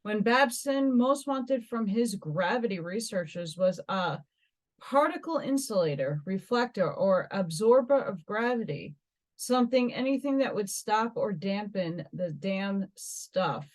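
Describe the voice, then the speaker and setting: An animated, mid-range voice, a bit slow, belongs to a New York woman who hosts a metaphysical vlog. She reads articles aloud and interrupts herself with rambling, dramatic musings.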